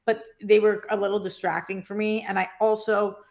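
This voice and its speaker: Woman with a gravelly, creaky voice. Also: medium pitch, little pitch movement, fairly quick. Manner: enthusiastic, rambling, trails off mid-thought. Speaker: podcast co-host. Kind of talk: casual movie chat.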